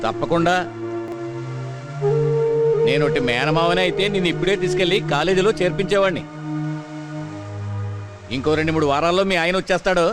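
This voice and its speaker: A man's voice: fairly high pitch, fairly quick, pauses often, over loud music, natural voice. An actor playing a kindly uncle who reassures his young niece in dubbed film dialogue. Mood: reassuring.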